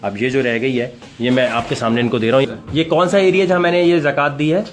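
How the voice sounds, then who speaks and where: A man's voice: medium pitch, steady tone, a little fast. A man hosting an on-location video, chatty and blunt, with English phrases mixed in. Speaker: host. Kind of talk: casual on-location talk.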